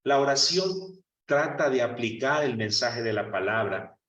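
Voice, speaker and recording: In a roomy church meeting hall, picked up by a distant mic, a man gives a conversational sermon on prayer. His medium-pitched voice is unhurried and a bit bright with lively intonation, though the highs are cut off. He fills the talk with rhetorical questions and acts out the prayers he quotes.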